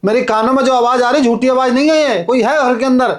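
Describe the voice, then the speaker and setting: A suspicious blind old father-in-law, played by a man, with a very high, thin voice. He calls out again and again and keeps pressing with questions. He comes from a homemade drama skit. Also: steady tone, fast talker. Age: older. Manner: calls out repeatedly, insistent questioning. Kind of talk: amateur Hindi drama skit.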